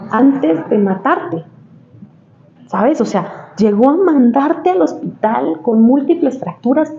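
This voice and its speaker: A woman's voice: on the high side, a little hiss or hum. A woman, a therapist guest on a podcast, recounting therapy sessions at length in a casual way with many fillers. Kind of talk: casual storytelling in a podcast interview. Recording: roomy, slightly dull podcast sound with faint ambience.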